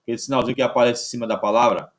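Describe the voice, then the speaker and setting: A man teaching a recorded grammar lesson, talking haltingly and checking in with his students often. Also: medium pitch, steady tone. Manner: slow, halting delivery, checks in with "certo?".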